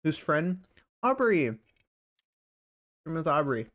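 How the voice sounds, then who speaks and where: Low-voiced playful young woman streamer. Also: sing-song, slow pace, a bit bright. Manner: playful, teasing, chatty with chat viewers. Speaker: podcast co-host and streamer. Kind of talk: casual streamed podcast chat.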